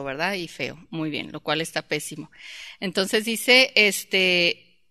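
A woman giving a conversational Bible teaching to a church group, often asking the audience questions. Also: mid-range voice. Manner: acts out shouting mother and child in quotes.

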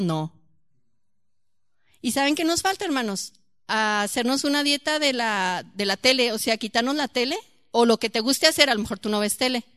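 Animated woman leading a church talk. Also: a little high, dry recording, clean studio sound. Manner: animated, rhetorical questions to the congregation. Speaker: Bible study leader. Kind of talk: church teaching.

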